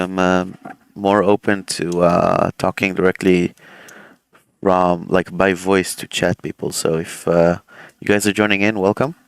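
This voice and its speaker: An airline pilot streams a flight simulator session, running cockpit checks while chatting in a relaxed, rambling way full of fillers, his throat a bit swollen. His deep voice is creaky yet clear and resonant, with no echo.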